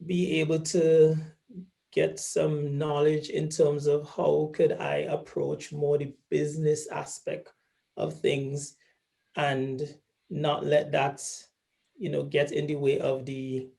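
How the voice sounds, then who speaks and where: A man speaks earnestly on a video call. His voice is gravelly and dark, and sits fairly high but stays flat in pitch. He restarts his sentences now and then as he explains himself. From Saint Vincent and the Grenadines. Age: 40s. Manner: earnest and measured, with frequent restarts. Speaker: workshop participant. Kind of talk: video call self-introduction. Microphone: video call microphone.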